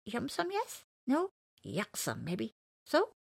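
A woman voicing a scraggy little male bird who speaks in broken, jumbled grammar, slow and coaxing. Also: on the high side, wildly swooping pitch, creaky, husky, dry recording, clean studio sound, voice pushed up, exaggerated voice.

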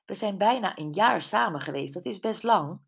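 A woman's voice: medium pitch, lively intonation, normal speed, creaky, slightly rough, pitched above the performer's own voice. A woman voicing Brenda, a candid, self-mocking friend, in an audiobook. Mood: rueful. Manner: wry, emotional, tearful at times. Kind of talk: audiobook character voice.

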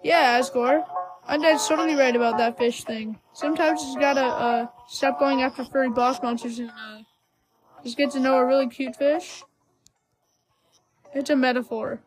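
A woman's voice: high voice, fairly even intonation, moderate pace, over music, close to an everyday voice, poor audio. A woman voicing a shy, nerdy female lizard scientist who talks hesitantly with stammers. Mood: nervous.

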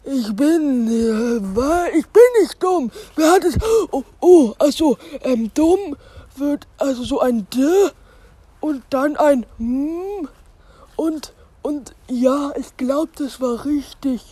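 Lazy, smitten cactus boy, voiced by a woman for a fan audio drama: high-pitched, slow, sulky, stumbling over answers. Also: mellow, no room sound. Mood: flustered. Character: lovestruck lazy young male cactus schoolboy.

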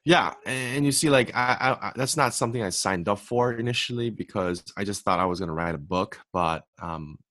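On a faith podcast, a young author whose first language is Korean answers earnestly, often restarting and repeating himself for emphasis. His voice is lowish and a little bright, and he talks briskly with hardly any pauses; there's no echo.

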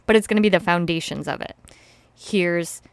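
A woman's voice: fairly low pitch, normal speed, clean tone, dry recording. A woman hosting a casual podcast who teaches rope classes, explaining step by step and laughing easily. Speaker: podcast host and rope bondage instructor.

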